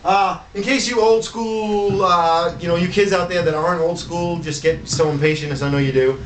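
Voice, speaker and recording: Male DJ, high-pitched, casual and rambling, distant mic in an echoey room. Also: fairly even intonation, normal speed, slight background noise. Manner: chatty, loose, with fillers and asides. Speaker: DJ presenting hip-hop samples. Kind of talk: casual commentary over records. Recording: roomy, off-mic, music behind. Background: music playing.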